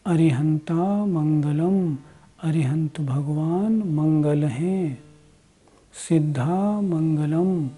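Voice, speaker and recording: A woman teaching a religious lesson, reciting verses and explaining them word by word in a slow, deliberate way. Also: deep voice, warm tone, breathy edge. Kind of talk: lesson with chanted Prakrit verses.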